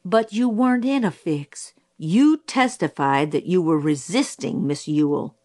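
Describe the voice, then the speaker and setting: A woman voicing a stern, scornful male prosecutor, talking slowly and cuttingly. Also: fairly low pitch, a little mellow, close to an everyday voice. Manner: slow, cutting, rising in outrage.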